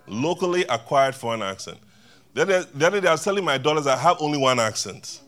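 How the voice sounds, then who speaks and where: Preacher guy in church, relaxed and jokey, keeps laughing and talking with the crowd. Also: a little high, quick pace. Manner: conversational, laughing, banters with congregation. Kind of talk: sermon.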